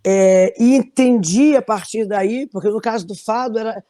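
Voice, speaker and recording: A middle-aged woman from Belém, Brazil, with a Brazilian Portuguese accent, a singer telling animated stories in an interview with many restarts. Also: mid-range voice, normal speed. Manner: animated storytelling, frequent restarts. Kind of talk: conversational interview.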